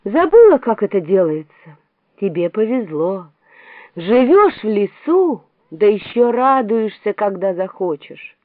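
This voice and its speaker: A woman reading a storybook aloud, voicing a fussy, fretful old queen with a shrill, wailing manner. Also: very animated, measured pace, no echo. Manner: shrill, high-pitched wailing. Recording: tinny, phone-like, dry.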